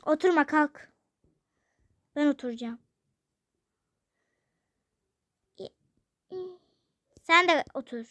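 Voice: high voice, moderate pace, fairly bright tone, no echo, clean studio sound. A child voicing a rude, grumpy father who barks orders in a toy role-play. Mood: bossy. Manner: gruff, barking orders.

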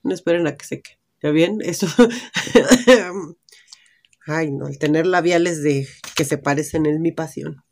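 At normal speed, this woman talks in a low, darkish voice with vocal fry and fairly even intonation. A beauty vlogger with a Mexican Spanish accent, she tries on lipsticks at home in natural light, chatting casually and thinking aloud.

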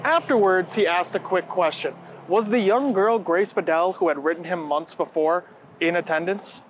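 A man hosting a museum history program, giving scripted narration in a clear, measured presenter's delivery. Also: high-pitched, slight background noise.

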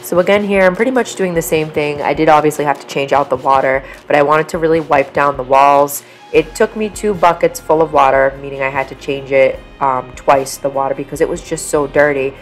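Woman, 30s, deep-ish voice, casual practical cleaning narration, light music bed. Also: a little fast, few pauses. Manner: chatty, practical, relaxed explaining. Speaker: cleaning vlogger.

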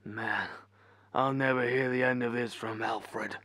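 A man playing Batman as a gruff, blustering and clueless superhero with a gravelly voice. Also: medium pitch, steady tone, measured pace, bright, forceful tone, dry recording.

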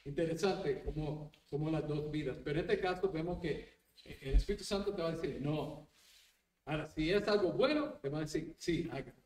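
A man's voice: fairly high pitch, a little fast, a little mellow, echoey room, far from the mic, low-quality recording. A man leading a Bible study as pastor, talking animatedly and dropping English tag words into his teaching. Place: church.

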